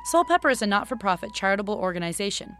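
A woman's voice: medium pitch, sing-song, rapid-fire, fairly bright tone. A woman announcer reading scripted end credits for an audio drama podcast. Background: faint music.

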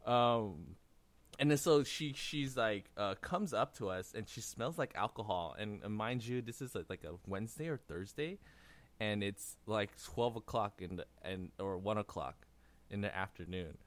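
A man's voice: fairly low pitch, expressive, moderate pace. A man in his twenties hosting a casual podcast, telling a story in rambling fashion with lots of fillers and laughs. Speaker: podcast host.

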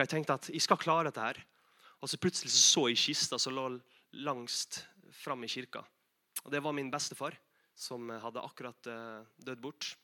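A young man preaching a sermon, earnest and direct, asking the congregation rhetorical questions and shifting between loud emphatic calls and soft, low confessional passages.

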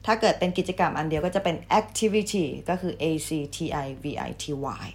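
A woman teacher giving a vocabulary lesson, saying each English word twice, louder and slower, then explaining it politely. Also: lowish voice, slight background noise. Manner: polite, ends phrases with soft particles.

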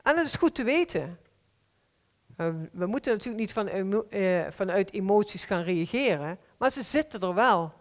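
A woman preaching a sermon to a congregation in a heartfelt, earnest way, slowing down to stress key phrases. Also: mid-range voice, expressive. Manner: earnest, heartfelt, with slow emphatic stretches. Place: church hall. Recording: long hall reverb.

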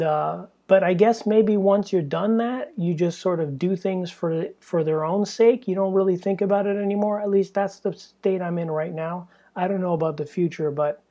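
A young podcast host delivers a casual solo monologue into the mic in a small, stuffy room, his somewhat high voice worn hoarse and husky from fatigue, as if he's losing it. His tone is dark and mellow as he rambles loosely and candidly, swearing freely. The sound is lo-fi.

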